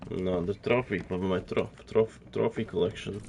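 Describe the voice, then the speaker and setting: A man's voice: low voice, fairly even intonation, normal speed, vocal fry, darkish tone, faint music behind. A man hosting a let's play, giving casual, offhand gameplay commentary in muttered asides.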